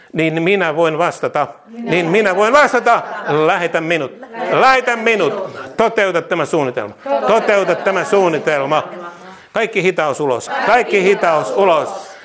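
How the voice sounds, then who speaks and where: A man's voice: high voice, animated. A man leading a fervent charismatic prayer and blessing, chanting repeated syllables, speaking in tongues and laughing through his words. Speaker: prayer leader. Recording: crowd noise in the background.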